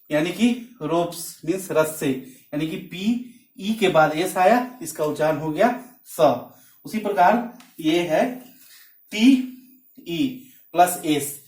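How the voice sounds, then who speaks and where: Slow, deliberate teacher in an echoey room. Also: medium pitch, a little mellow. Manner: slow and deliberate, spells words out letter by letter. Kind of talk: classroom-style phonics lesson. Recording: echoey room, mic at a distance.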